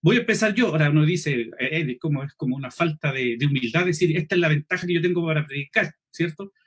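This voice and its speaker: A man from Chile with a Chilean Spanish accent, teaching an online preaching seminar. He talks fast, clips his words, drops his final S sounds and keeps checking in with the listeners. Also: on the high side, breathy edge. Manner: quick, clipped speech, swallows final S, frequent "¿cierto?" checks. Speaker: preaching instructor.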